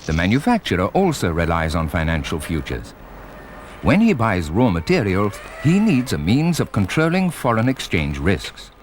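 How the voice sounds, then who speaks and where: Male narrator with very animated intonation. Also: lowish voice, slight background noise. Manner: measured, formal presenter delivery. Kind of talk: scripted corporate documentary narration. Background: music.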